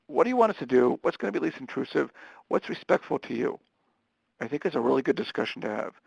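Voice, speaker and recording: A man delivers a webinar lecture at a rapid, animated clip, often restarting his sentences mid-thought. His voice is gravelly and sits at an ordinary pitch. The sound is dry and close, with no room echo. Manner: fast-talking, animated, with frequent restarts. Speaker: webinar presenter on supported employment.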